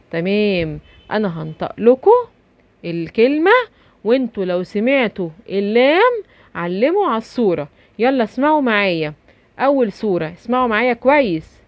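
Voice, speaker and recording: A woman's voice: a little high, dry recording. Egyptian-accented woman teaching young kids letter sounds, stretching and repeating each syllable; dry, lo-fi sound. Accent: Egyptian Arabic. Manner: slow drawn-out syllable drilling with repetition. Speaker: primary school teacher. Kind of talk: children's phonics lesson. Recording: dry, slightly dull lo-fi recording.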